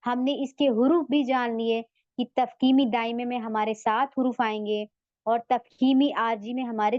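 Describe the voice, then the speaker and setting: A woman gives a recorded online lesson in a high, unhurried voice. She repeats each sound patiently as a drill and keeps checking in with her learners. The recording is dry and slightly dull. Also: dry recording. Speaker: Tajweed teacher.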